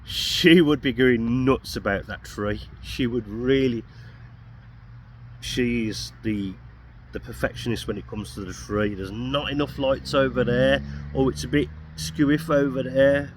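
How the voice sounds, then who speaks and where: Man, croaky throat, rambling self-mocking camp vlogger, light road noise behind. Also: mid-range voice, steady tone, a little slow. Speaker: camping vlogger. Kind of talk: casual chat to camera. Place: outdoors at an urban roundabout camp at night.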